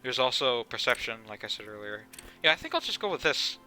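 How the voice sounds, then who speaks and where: A man's voice: medium pitch, big pitch swings, a little fast, bright, forceful tone, soft background music. A young man streaming a game live, chatting casually and rambling, with the odd swear. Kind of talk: casual live gameplay commentary.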